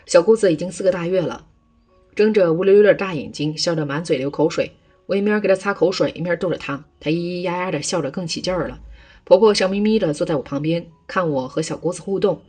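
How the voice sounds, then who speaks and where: 一个女人以第一人称朗读家庭伦理故事，语速平稳。. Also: female voice, on the low side, quick pace, darkish tone, slightly rough, soft background music. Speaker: storyteller. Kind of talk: first-person story narration.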